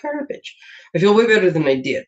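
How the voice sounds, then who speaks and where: A woman's voice: on the low side, expressive, normal speed. A woman hosting a casual craft live stream from her home desk, rambling and laughing often, a bit congested from a sinus infection. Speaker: host of a papercraft live stream. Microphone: webcam setup. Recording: dull lo-fi stream audio.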